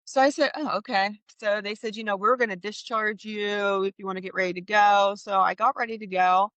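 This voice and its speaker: A woman's voice: medium pitch, fairly quick, smooth, dry recording, highs cut off. A woman in her thirties, a podcast guest, sharing candid stories with frequent laughs and restarts. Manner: animated, laughing, many restarts. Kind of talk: candid storytelling chat.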